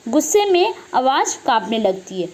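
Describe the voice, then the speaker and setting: High-voiced woman teacher explaining to students. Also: sing-song, normal speed, a little mellow. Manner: asks herself questions and answers them, repeats 'okay' often. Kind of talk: explaining a play lesson to students.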